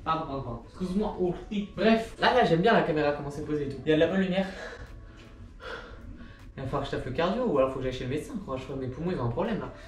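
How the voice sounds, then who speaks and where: A man's voice: on the high side, expressive, rapid-fire. A man in his twenties vlogging casually about sneakers, rambling and joking at his own expense. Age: 20s. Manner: rambling, chatty, self-mocking asides. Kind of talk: casual vlog chat. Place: indoor room with a machine running. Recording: echoey room recording. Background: machine noise and soft music.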